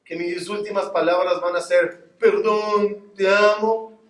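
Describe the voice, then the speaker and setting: A man voicing a loud, hateful male tailor who shouts from a balcony, in an echoey room. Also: fairly even intonation, slow, distant mic. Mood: spiteful. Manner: shouting, high-pitched cheering.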